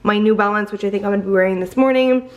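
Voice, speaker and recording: A young woman in her twenties talks casually to her camera at home, her voice still soft with morning grogginess. She rambles freely, leaning on "like" and quick asides. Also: medium pitch. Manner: chatty, filler-heavy with many "like"s. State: morning voice, just woke up. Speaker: vlogger. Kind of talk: casual vlog chat. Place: her apartment, indoors.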